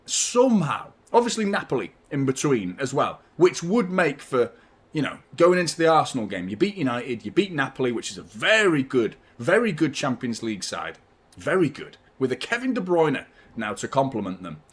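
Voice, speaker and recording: Chatty young man, lively pitch. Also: normal speed. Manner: chatty, rambling, shouts out viewers by name. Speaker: fan watchalong streamer. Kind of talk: live stream chat with viewers.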